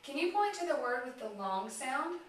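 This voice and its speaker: A woman working as a speech therapist, talking slowly and encouragingly to a child in exaggerated, simple phrases. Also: high-pitched, sing-song, slight background noise. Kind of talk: child-directed therapy demonstration. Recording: echoey room, mic far off.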